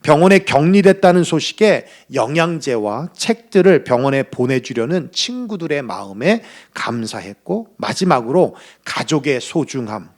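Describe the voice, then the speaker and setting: A man pastor giving a Sunday sermon, earnest, building to emphatic peaks. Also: medium pitch. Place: church.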